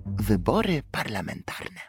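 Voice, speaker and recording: A man narrating a children's audiobook in an expressive storytelling manner. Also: fairly low pitch, measured pace, faint music behind.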